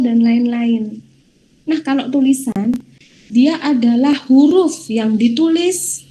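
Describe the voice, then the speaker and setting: A woman's voice: a little high, dark tone, low-quality recording. Patient woman teaching an online class. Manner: patient, explaining step by step with many "nah" fillers. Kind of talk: online class lesson with screen share.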